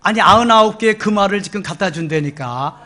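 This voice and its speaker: A man's voice: sits high, fairly quick, sharp tone. An older man preaching a sermon as pastor in a church, emphatic and exclamatory, with sudden outbursts. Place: church sanctuary.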